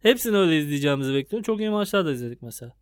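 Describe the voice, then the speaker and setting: A man with a high, quick voice co-hosts a loose, joking podcast chat, laughing often and slipping into the voices of the people he quotes. He sounds close to the mic in a dry room. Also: animated, clear, resonant tone, no room sound. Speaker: podcast co-host. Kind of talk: casual podcast banter.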